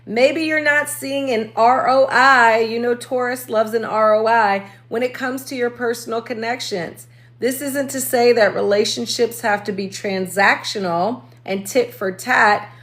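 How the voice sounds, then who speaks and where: A woman from the United States giving a casual horoscope reading as a channel host. She talks in a chatty way with quick joking asides, and her voice is cracking. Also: on the high side, a bit bright.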